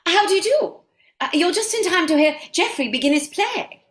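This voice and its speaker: A woman's voice: extremely high pitch, animated, moderate pace, a bit bright. A woman playing a gushing, imperious society lady in a stage play reading, with an affected theatrical manner. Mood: gracious. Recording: echoey room.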